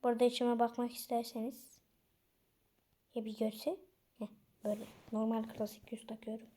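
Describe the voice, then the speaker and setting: Excitable high-voiced young gamer girl. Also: normal speed. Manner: chatty, excitable, outbursts of frustration. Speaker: gaming channel host. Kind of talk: casual game commentary.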